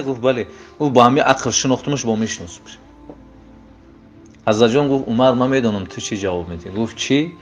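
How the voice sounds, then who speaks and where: Tajik preacher man, loud then hushed. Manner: swings between loud exclaiming and low hushed telling. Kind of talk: emotional religious storytelling sermon.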